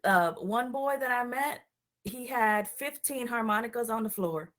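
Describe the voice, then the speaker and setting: A woman from Puerto Rico, with a Puerto Rican accent, hosts a casual interview over a call, chatty and enthusiastic, trailing off with fillers. Her voice is on the high side, expressive, unhurried, and fairly bright.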